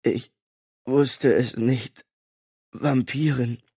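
A man voicing a dying older father who speaks weakly and haltingly in an audiobook. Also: mid-range voice, steady tone, warm tone, no room sound, studio quality, exaggerated voice. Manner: weak, halting, breathy.

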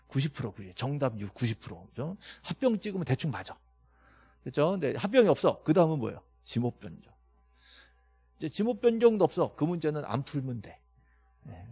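Male instructor, animated pitch and dark tone, drills students with rapid questions, dry close sound. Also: vocal fry, breathy edge, dry recording. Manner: lively, emphatic, quizzes students with quick questions and answers. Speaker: real estate law instructor. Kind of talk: classroom lecture.

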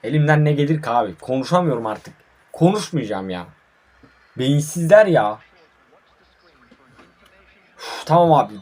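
A young man with a fairly high, husky voice gives live commentary over his online football match. Frustrated, he swears and speaks both to himself and to his viewers.

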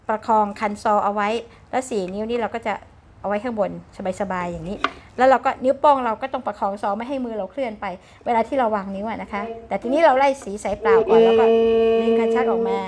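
A woman's voice: a little high, darkish tone, a little hiss or hum. A woman teaching a traditional Thai fiddle, patient and polite, calling out note names as she plays. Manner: patient, polite, ends phrases with ค่ะ and นะคะ; calls out note names while bowing. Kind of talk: step-by-step instrument lesson. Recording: instrument playing behind the voice.

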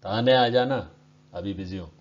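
A man puts on a hot-headed policeman, clipped and brusque, giving orders without wasting words. He speaks slowly, and the sound is muffled and lo-fi. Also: fairly low pitch, close to an everyday voice. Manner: curt, brusque. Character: short-tempered male police officer. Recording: dull lo-fi recording.

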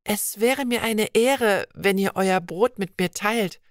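A woman voicing a shy, timid young maiden in a storybook reading, speaking softly and politely in old-fashioned phrases. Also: medium pitch, takes it slowly, no room sound, clean studio sound, close to an everyday voice.

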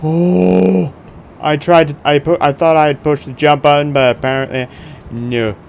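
A man in his twenties giving casual, halting, wry gaming commentary into a close desk microphone. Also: on the high side, steady tone, creaky, a little hiss or hum. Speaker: gaming video host. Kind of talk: casual let's play commentary. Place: small room indoors. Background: video game ambience.

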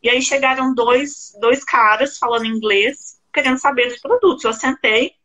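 A woman in her thirties from Brazil, with a Brazilian Portuguese accent, working as a career coach and telling her own story in a relaxed live-stream chat, lively and emotional, with laughter between phrases. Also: fairly high pitch, normal speed, poor audio.

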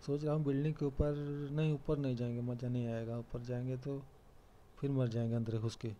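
A man's voice: mid-range voice, fairly even intonation, a little fast, warm tone, lo-fi sound, slight background noise. Chatty young man narrating his game. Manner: chatty, self-mocking, calls out to teammates. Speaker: gamer commentating his play. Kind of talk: casual gameplay commentary.

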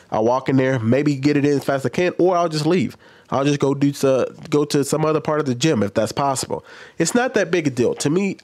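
Working from a small home room studio with a microphone on a boom arm, an American host in his thirties offers casual opinions in a conversational way, frequently asking himself questions. His mid-range voice is a little mellow.

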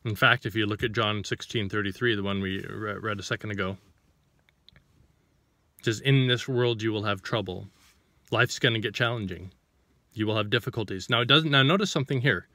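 Man, informal preacher, low and bright-edged, dry close sound, questioning style. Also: brisk, no room sound. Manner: reads scripture then explains it, asking rhetorical questions; searching for words, with frequent restarts. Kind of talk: informal sermon to camera.

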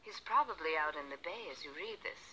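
An actress playing a sly young woman in a crime video game cutscene, speaking in a cool, unhurried way. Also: lowish voice, lively intonation, bright, forceful tone, slight background noise, rough recording.

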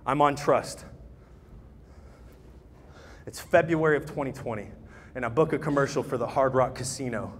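A man giving an impassioned personal testimony at a church, repeating phrases and building to shouts. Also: medium pitch. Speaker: guest speaker at church recovery ministry. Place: church sanctuary. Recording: long church hall reverb.

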